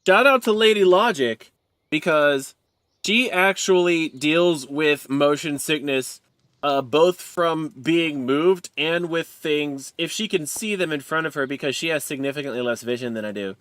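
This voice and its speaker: A man's voice: on the high side, a little slow, fairly bright tone, smooth, dry recording. Man, game streamer, casual chatty, dry close sound. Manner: chatty, reacts to chat and a video. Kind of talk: casual live-stream chat.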